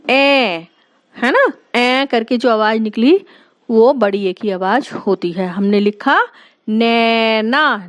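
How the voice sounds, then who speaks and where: A woman teacher giving a grammar lesson to young children, drawing out each sound and explaining patiently. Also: fairly high pitch. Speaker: school teacher. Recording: muffled lo-fi recording.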